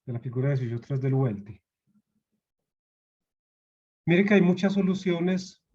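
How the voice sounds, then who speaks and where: A man's voice: fairly high pitch, lively intonation, a little slow, warm tone, lo-fi sound. A man with a Colombian Spanish accent giving a university lecture over a video call, patiently repeating key points and asking his students questions. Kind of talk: online class lecture.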